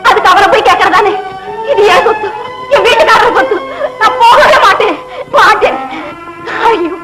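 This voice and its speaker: A woman's voice: very high voice, expressive, a little fast, loud music behind the voice, rough recording. An actress playing a middle-aged widowed mother who speaks in an emotional, pleading way, in 1950s film acting. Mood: defiant. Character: distressed widowed mother, proud and stubborn.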